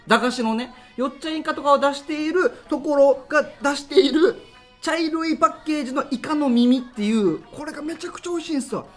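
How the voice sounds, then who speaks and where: A man, hosting a local radio show and telling stories in a casual, animated way with lots of sound effects and acted-out voices. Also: very high-pitched. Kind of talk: casual storytelling monologue.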